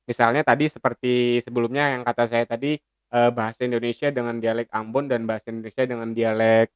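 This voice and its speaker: A young man from Banjarmasin, explaining a language topic to viewers in a relaxed, chatty way, with frequent hesitation fillers. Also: medium pitch, fast, clear, resonant tone, no room sound. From Banjarmasin, South Kalimantan. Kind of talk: casual explainer talk to viewers. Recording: slightly dull, dry lo-fi recording.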